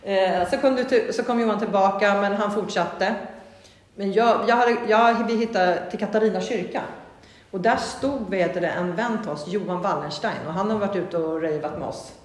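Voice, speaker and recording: A woman giving a candid, earnest personal testimony, rambling with many fillers and restarts. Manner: candid and earnest, with sudden rises in pitch. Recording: very echoey hall with long reverb.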